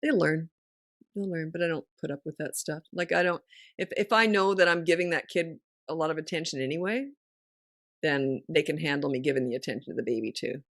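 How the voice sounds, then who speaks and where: A middle-aged parenting coach and podcast host with a fairly low voice offers frank, no-nonsense parenting advice in a casual chat. She is blunt, direct, laughs often, and talks a little fast, in a dry, close recording with no room sound.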